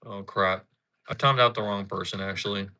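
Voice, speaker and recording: Thirties male streamer, bright forward voice, loose rambling chat with viewers. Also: fairly low pitch, steady tone, moderate pace. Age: 30s. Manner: rambling, repeats himself, talks back to chat. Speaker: livestreamer. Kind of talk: casual live-stream chat.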